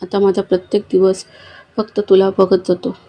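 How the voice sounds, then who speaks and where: A devoted, worn-down old father from a storybook speaks, as a woman narrator puts him on. The voice is mellow and a bit husky, with a gentle, tender manner and a flat, even pitch. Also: normal speed, lightly acted. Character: loving, worn-out elderly father.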